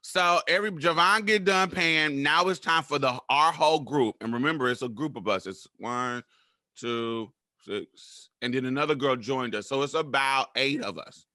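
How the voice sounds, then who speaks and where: A man's voice: medium pitch, normal speed, sharp tone, no echo, studio quality. A man, co-hosting and telling stories casually in a sassy, emphatic, profanity-laced way. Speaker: podcast host. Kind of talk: animated casual storytelling.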